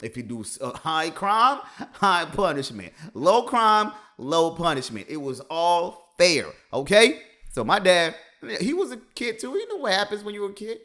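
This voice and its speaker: A man giving casual reaction commentary, chatty and animated, often laughing. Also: high-pitched, moderate pace. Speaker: reaction host.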